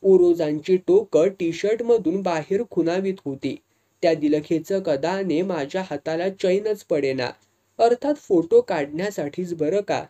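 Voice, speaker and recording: Mellow narrator reading a serialized novel. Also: male voice, high-pitched. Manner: measured first-person storytelling. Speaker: audiobook narrator.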